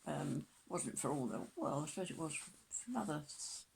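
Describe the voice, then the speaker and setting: A woman in her nineties reminiscing in a casual interview, with an aged, husky voice and a halting, self-correcting way of talking. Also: sits low, animated, darkish tone, a little hiss or hum. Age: 90s. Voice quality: husky, creaky elderly voice.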